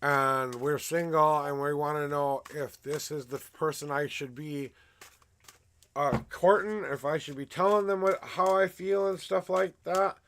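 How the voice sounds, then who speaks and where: A man with a gravelly smoker's rasp, hosting a livestream as a tarot reader in casual, emphatic, effusive patter to viewers. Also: fairly high pitch, unhurried, fairly bright tone, a little hiss or hum. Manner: effusive, emphatic showman, repeating welcomes and promises.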